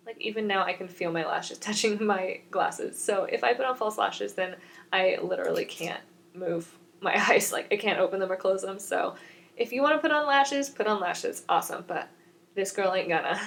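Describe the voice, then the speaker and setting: A woman's voice: medium pitch, a bit bright. A young woman in her twenties, a beauty vlogger, chatting and explaining each step of her makeup in a rambling, self-mocking way.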